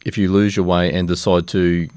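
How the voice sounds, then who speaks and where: A man co-hosting a casual chat, speaking in a calm, measured and reflective way. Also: deep voice, no echo, studio quality.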